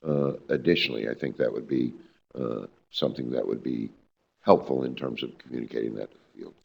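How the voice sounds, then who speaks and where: A man's voice: extremely low pitch, steady tone, brisk, gravelly, breathy edge, muffled recording. A man on a committee adding a point in a formal meeting, hesitating with many fillers. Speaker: committee member.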